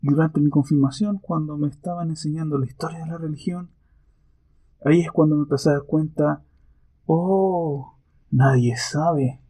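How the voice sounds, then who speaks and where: A man answering interview questions in a thoughtful, reflective way, with hesitant pauses. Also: a little high, steady tone, warm tone, no echo. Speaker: interview guest.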